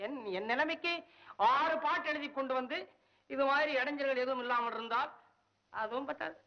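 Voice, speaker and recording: An actor playing a poor, anxious male poet in a 1960s film, whining and frantic. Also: a little fast. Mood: cheeky. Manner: frantic, whiny, jumps between high and low. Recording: dull old film soundtrack.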